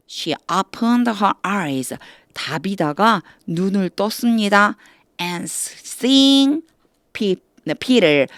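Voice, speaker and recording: A woman with a fairly low voice, recorded close to the mic in a dry room. She teaches with patience, asking questions as she goes, and reads English lines slowly before she explains them. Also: no echo. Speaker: English Bible reading teacher. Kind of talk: explanatory lesson.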